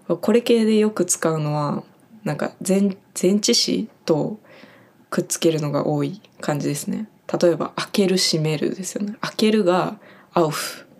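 A woman's voice: deep voice, darkish tone. A young Japanese woman from Japan who works on a farm, casually explaining German words she uses on the job, with lots of fillers. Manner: chatty, friendly explaining with many fillers. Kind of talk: casual spoken lesson.

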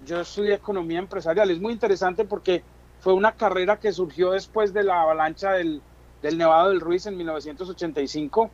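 As an interview guest speaking conversational Spanish, this middle-aged Colombian-accented man, chairman of a business chamber, recounts his own life story. He talks fast in a high, steady voice, and the sound is lo-fi.

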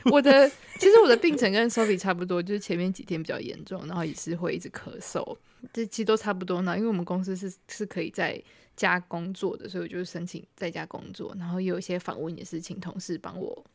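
A young woman, co-hosting a podcast in a relaxed, casual chat. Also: fairly low pitch, fast. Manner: relaxed, gives frequent short replies of agreement. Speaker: podcast co-host.

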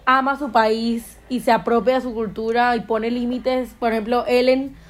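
A young woman, a podcast guest who chats in an animated, gushing way. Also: fairly high pitch, moderate pace. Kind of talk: casual podcast chat.

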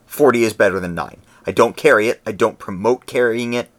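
A man with a fairly low voice, co-hosting a casual podcast. He talks in a relaxed, conversational way and walks through his reasoning at length. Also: a little fast. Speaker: podcast co-host.

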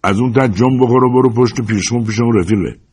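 A man's voice: mid-range voice, a little mellow, husky, voice pushed up, natural voice. A man voicing a sneering adult male hitman who talks in a sarcastic, taunting way. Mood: mocking.

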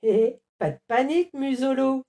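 A woman voicing a cheeky male lemur who teases the wolf in a storybook reading, talking quickly and high. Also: lively intonation, dark tone. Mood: teasing. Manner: teasing, quick.

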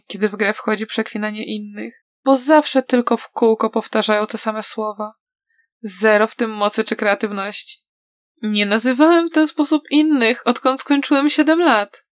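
A woman voicing a cruel, sly young villain who taunts in a soft, low voice, in a storybook reading. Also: normal speed, no echo, natural voice. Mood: sneering.

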